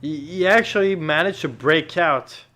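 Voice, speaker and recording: A man's voice: on the high side, normal speed, pushed and bright. A man chatting casually as he comments on a documentary.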